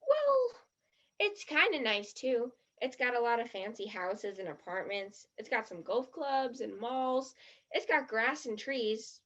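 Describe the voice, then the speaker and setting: Acting in a one-act stage play, a woman takes the role of an eager teen girl, her high voice gushing with theatrical earnestness yet wry in mood. She uses big pitch swings at a measured pace, with a slightly bright, heavily acted sound. The audio comes across somewhat muffled and lo-fi.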